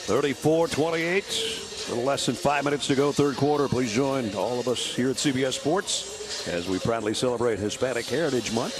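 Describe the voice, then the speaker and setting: A man's voice: mid-range voice, fairly quick, over music. An American man calling live football play-by-play in short, clipped phrases as a sports announcer. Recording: broadcast with loud stadium noise. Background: loud stadium noise.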